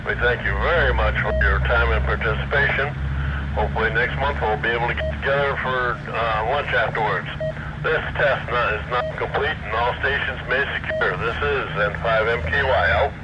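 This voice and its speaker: A man's voice: mid-range voice, moderate pace. A man acting as net control on an amateur radio net, calling stations in procedural radio style, heard over a two-way radio with static. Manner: procedural, call-sign radio phrasing with fillers. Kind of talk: radio net roll call. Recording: muffled radio audio with loud static.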